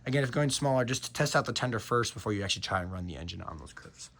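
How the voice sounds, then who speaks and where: A man with a scratchy, hoarse voice, giving an enthusiastic casual review of a model train and stumbling over his words now and then. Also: fairly low pitch, expressive, racing, a bit bright. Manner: enthusiastic, with frequent fillers and restarts.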